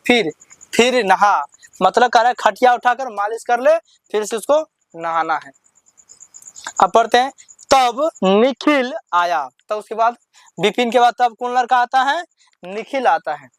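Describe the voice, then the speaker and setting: A teacher running a Hindi reading lesson, drilling word lists slowly and explaining each sentence in plain everyday talk. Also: mid-range voice, lively intonation, dry recording, low-quality recording.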